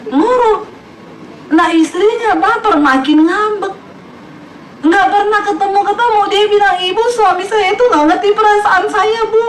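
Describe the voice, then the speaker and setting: A woman pastor preaching a humorous sermon, playfully acting out the voices of people in her stories and laughing often. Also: extremely high pitch. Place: church hall with congregation. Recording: echoey hall from far off, crowd noise.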